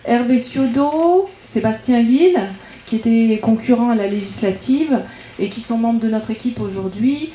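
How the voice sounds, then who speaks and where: At a public debate, in an indoor meeting room that echoes, a woman with a French accent from France gives a prepared political speech as a local campaigner. Her warm voice is a little high and moves at normal speed. She argues in a methodical way, laying out her points in sequence.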